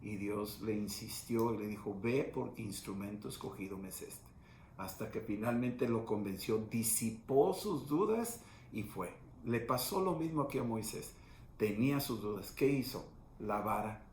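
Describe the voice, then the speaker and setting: A middle-aged man pastor, teaching in a steady, explanatory conversational sermon. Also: lowish voice, measured pace. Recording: echoey room with faint noise.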